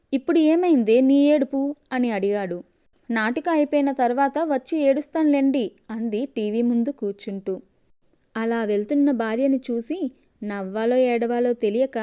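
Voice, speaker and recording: Woman reading a story aloud for her channel, warm mellow voice kinda high, muffled lo-fi sound. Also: clean tone. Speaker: audio story narrator and channel host. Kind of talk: scripted storybook narration. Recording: dull lo-fi recording.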